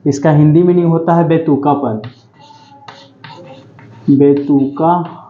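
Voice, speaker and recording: A man's voice: a little high, fairly even intonation, slow pace, soft background music. Male tutor, repetitive drilling delivery, echoey lo-fi room. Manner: repetitive, drilling each word with "ठीक है" and self-questions. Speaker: English vocabulary teacher. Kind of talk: exam-prep vocabulary lecture. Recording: roomy, dull lo-fi sound.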